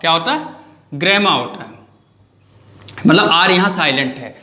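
A man's voice: on the high side, animated, normal speed, pushed and bright, echoey room. A man teaching a grammar lesson in a classroom, mixing Hindi with English and asking questions that he answers himself.

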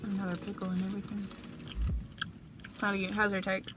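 A woman's voice: medium pitch, completely flat delivery, fairly quick, background noise. A woman chatting casually in a food review vlog, talking while eating a pickle at home. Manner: chatty, candid food commentary. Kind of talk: casual chat. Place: at home, indoors.

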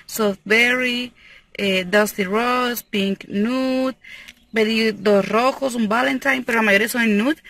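A woman's voice: on the high side, fairly bright tone, a little hiss or hum. A young woman, chatting enthusiastically as she unboxes cosmetics in a parked car, filmed on a phone held at arm's length. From Mexico. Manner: chatty and enthusiastic, laughs often. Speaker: cosmetics seller and vlogger. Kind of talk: casual unboxing chat. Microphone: phone camera at arm's length.

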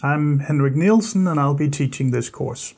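A man's voice: a little high, normal speed, darkish tone. A middle-aged man from Denmark, an instructor giving a recorded course lecture to camera in a studio, gesturing and often repeating words as he explains.

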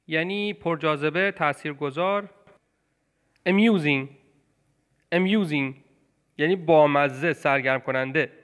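A man teaching English vocabulary, patiently repeating words and phrases slowly. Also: fairly high pitch, a bit bright. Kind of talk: language lesson explaining film clips.

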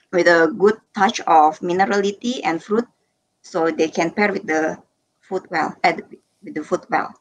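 A woman's voice: medium pitch, low-quality recording. A young woman from Indonesia, a sommelier, chatting casually while tasting wine on a video call. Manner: casual, chatty, informal phrasing. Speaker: sommelier guest.

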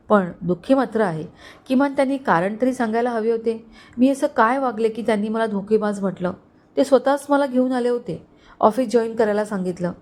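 A woman's voice: fairly high pitch, a little mellow, pitched above the performer's own voice, natural voice. A woman voicing a young heroine who speaks earnestly and emotionally, hurt but sincere.

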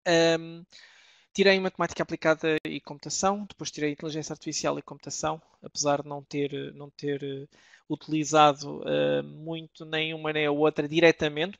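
A man's voice: on the high side, little pitch movement, brisk, gravelly, dry recording. Hesitant Portuguese man presenting slides. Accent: European Portuguese. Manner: hesitant, many filler sounds and restarts. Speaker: webinar presenter.

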